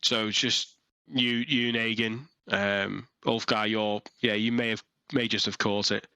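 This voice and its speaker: A man running a tabletop game as dungeon master, narrating haltingly with many fillers and restarts over a headset. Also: lowish voice, level tone, pushed and bright, clean tone, no room sound.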